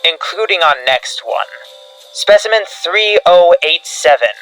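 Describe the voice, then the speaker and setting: With music playing underneath, a man narrates a scripted analog horror piece as if giving a field briefing, in a grave, dramatic, instructive style. His voice is high, animated, and fairly bright, and he speaks a little slowly on a low-quality recording.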